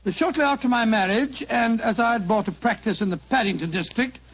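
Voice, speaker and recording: A man's voice: extremely high pitch, a little fast. A man playing a genial, fussy older English doctor who reminisces hesitantly and repeats himself in a 1940s radio drama. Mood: genial, chatty. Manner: avuncular, hesitant, repeats phrases. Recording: dull 1940s radio recording.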